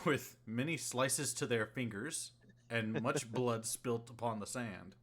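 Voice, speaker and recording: A man narrating a tabletop session as game master. He tells the story in an easygoing way, pausing often on fillers as he recaps for his players. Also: medium pitch, a bit bright, slightly rough.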